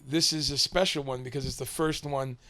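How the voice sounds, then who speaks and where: A man's voice: medium pitch, steady tone, brisk, pushed and bright. A man interviewing someone casually on camera, rambling and hesitant as he sets up his questions.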